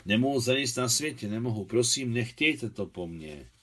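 A man's voice: mid-range voice, expressive, sharp tone. A man reading aloud and voicing a young woman in love who pleads emotionally.

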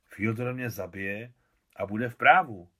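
A stern village godmother from a storybook reading, as a man puts her on. She speaks curtly and briskly in a fairly low voice, with a disapproving edge. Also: a bit bright.

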